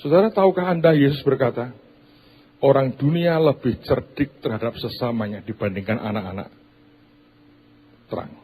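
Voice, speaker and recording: A man preaching a sermon as pastor, telling stories that swing from loud bursts to hushed asides. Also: mid-range voice, normal speed, pauses often, a little hiss or hum.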